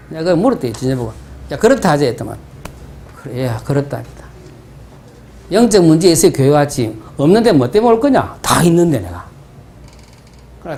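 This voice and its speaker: A man's voice: a little high, darkish tone, a little hiss or hum. A man with a Gyeongsang Korean accent, preaching a sermon as pastor, asking the congregation rhetorical questions and telling stories in dialect. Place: church sanctuary.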